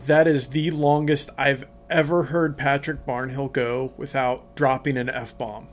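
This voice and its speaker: A man co-hosting a casual motorsport panel, relaxed with joking asides. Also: medium pitch, a little slow. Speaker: co-host.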